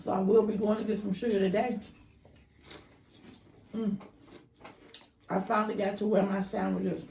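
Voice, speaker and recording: A middle-aged woman chatting casually as a vlog co-host, eating as she talks, with pauses and murmurs. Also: mid-range voice, little pitch movement, vocal fry, dark tone, slight background noise. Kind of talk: casual chat while eating. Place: indoor room at a table. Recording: roomy echo, distant mic.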